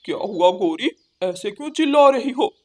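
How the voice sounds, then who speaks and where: A woman's voice: fairly high pitch, lively intonation, normal speed, dark tone. A woman voicing a male crow in a cartoon, a worried brother and husband, earnest and a bit helpless.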